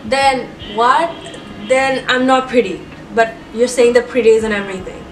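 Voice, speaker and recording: A woman's voice: a little high, normal speed. A young woman hosting a casual comedy vlog, giggly and answering with sarcastic comebacks. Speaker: host. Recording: echoey room with background noise.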